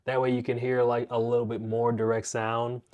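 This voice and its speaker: A young man, a guitar teacher who hosts a channel, gives a laid-back, rambling, slangy rundown of his music gear at home. He talks into a wireless clip-on mic feeding a phone, and his voice is medium-pitched, monotone, and darkish at a moderate pace, with the highs cut off.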